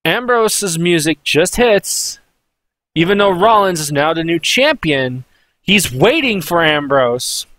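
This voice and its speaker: Casting: male wrestling reviewer, slightly high voice, excitable, swears, lots of ums. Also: slow, no echo. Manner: excitable, swears, many fillers and restarts.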